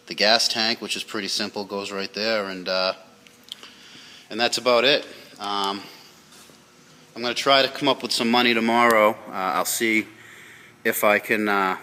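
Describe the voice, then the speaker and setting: A tired man talking casually and haltingly to vlog viewers in a low-key way. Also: bright, forceful tone. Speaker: car vlog host.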